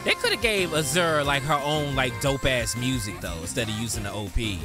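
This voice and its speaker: A man's voice: mid-range voice, expressive, fairly quick. An American man giving casual, slangy and profane anime reaction commentary, full of exclamations. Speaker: reaction video host. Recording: loud music and show audio behind. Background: anime soundtrack music.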